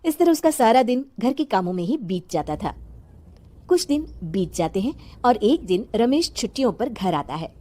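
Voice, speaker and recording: High, lively woman storyteller. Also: moderate pace. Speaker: narrator. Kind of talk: scripted moral story narration.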